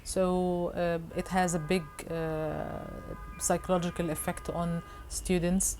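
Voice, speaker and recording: A woman answers interview questions slowly and haltingly, pausing on filler sounds and restarting her phrases. Her voice sits on the low side. There is faint background noise. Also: level tone, a little mellow. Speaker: interviewed guest reporter.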